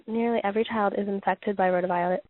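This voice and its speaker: Woman host, voice going hoarse, halting read-through, coughing and restarting, tinny phone-like sound. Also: medium pitch, fairly even intonation. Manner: halting reading with frequent restarts and throat clearing. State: losing her voice, coughing. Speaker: podcast host reading points on a topic. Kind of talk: reading prepared notes aloud.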